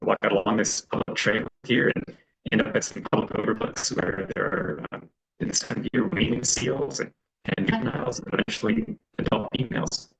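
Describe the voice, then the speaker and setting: Guy talking over a video call, super gravelly fry, chill and um-heavy. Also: fairly low pitch, very animated, a little fast, fairly bright tone, rough recording. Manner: friendly, loose, with frequent ums. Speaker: reserve director giving a public talk. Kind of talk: online presentation with screen sharing.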